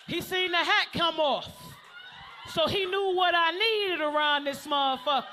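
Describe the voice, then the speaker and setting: A man in his thirties doing a loud, profane stand-up set on a comedy club stage, constantly calling out to the crowd. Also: very high voice, unhurried, slight background noise.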